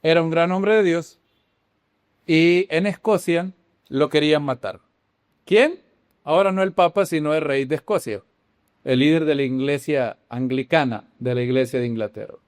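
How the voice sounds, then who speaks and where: A man teaching in a sermon style, animated, often asking his audience questions and dropping into hushed dramatic lines. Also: a little high, moderate pace, clear, resonant tone, no room sound, studio quality. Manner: animated, with sudden swings between loud exclamations and hushed dramatic lines. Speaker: Bible teacher.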